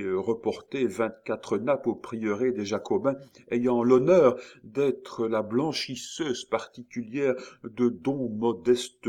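A man's voice: on the low side, a little mellow. A man reading aloud who voices a timid, easily frightened little townsman who stammers and hesitates.

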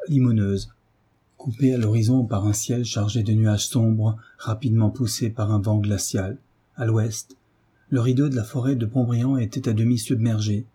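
A man narrating a classic novel in a measured, even reading. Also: on the low side, slightly rough. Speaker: audiobook narrator.

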